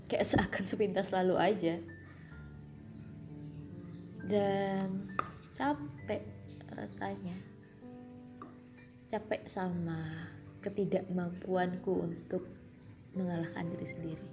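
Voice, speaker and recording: A woman's voice: lowish voice, flat delivery, slow, pauses often. A young woman speaking a reflective, self-critical personal monologue, slipping in English phrases. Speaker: vlogger. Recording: music playing behind.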